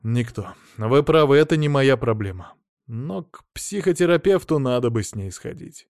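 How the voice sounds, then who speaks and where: A man doing a quiet, wry investigator. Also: mid-range voice, expressive, moderate pace, no room sound, clean studio sound, natural voice. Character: calm, probing male private investigator.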